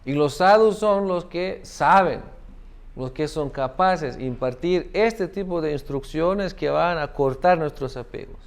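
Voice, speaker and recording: Man, spiritual teacher, gravelly voice, keeps asking "¿no?". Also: on the high side, unhurried. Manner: tag question "¿no?" after many phrases. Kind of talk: devotional talk with a parable.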